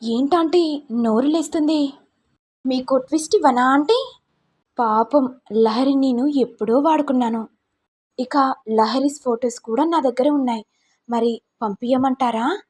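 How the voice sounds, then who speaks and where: A woman's voice: sits high, darkish tone, husky. Woman doing a smug young male blackmailer. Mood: taunting. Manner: taunting, drawn-out mock politeness. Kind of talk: storytelling recap of a serial.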